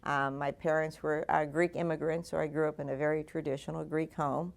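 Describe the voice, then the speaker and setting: An older woman from Washington, D.C., telling her life story as an award honoree, relaxed and halting with frequent fillers. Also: sits low, gravelly.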